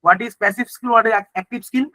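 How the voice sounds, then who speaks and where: A man's voice: sits high, very slow, bright, forceful tone, dry recording, poor audio. A man teaching an exam-prep lesson. He explains in Bengali mixed with English terms and keeps checking that the class is following.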